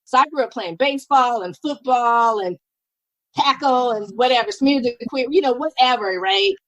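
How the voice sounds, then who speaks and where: A woman in her fifties, a podcast guest, telling her story in a lively, animated way and acting out what people said. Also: a little high, moderate pace, no room sound, highs cut off. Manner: lively, animated, acts out quoted dialogue. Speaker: podcast guest, nurse and business owner. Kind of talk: casual conversational storytelling.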